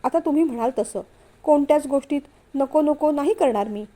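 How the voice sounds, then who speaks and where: A woman voicing a shy, modest young wife who pleads and protests softly, read aloud as a story. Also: high-pitched, fairly quick, lightly acted. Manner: pleading, flustered.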